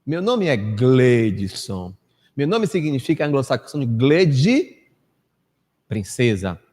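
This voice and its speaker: A Brazilian man in his fifties giving a storytelling lecture to a live audience, acting out quoted people and dropping to a hush at times. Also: sing-song, slow. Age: 50s. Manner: anecdotal, acts out quoted people with big pitch swings, drops to a hush. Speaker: spiritist lecturer. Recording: echoey hall reverb.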